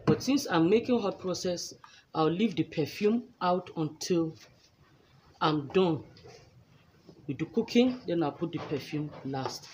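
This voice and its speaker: A woman's voice: lowish voice, expressive, a little mellow. A woman giving a casual, chatty step-by-step demonstration in an indoor workspace, filmed on a phone held over her hands. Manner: slow, chatty step-by-step explaining. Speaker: soap-making instructor. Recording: noisy phone recording.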